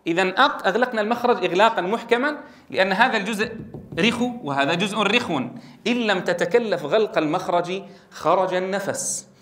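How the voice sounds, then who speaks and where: A man's voice: sits high, fast, a bit bright, roomy sound. A man teaching Quran recitation rules, explaining letter articulation and demonstrating sounds with repeated syllable drills. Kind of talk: tajweed lesson with spoken drills.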